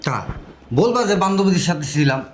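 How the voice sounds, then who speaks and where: A man's voice: high-pitched, lively intonation, brisk, a little hiss or hum. A man playing a pushy, selfish young fiancé, insistent and dismissive. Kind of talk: amateur short-film acting.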